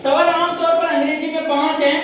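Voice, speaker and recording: A woman teaching a grammar lesson, asking questions and answering them herself while repeating example words slowly. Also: high voice, little pitch movement, slight background noise. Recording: echoey room, distant mic, faint background.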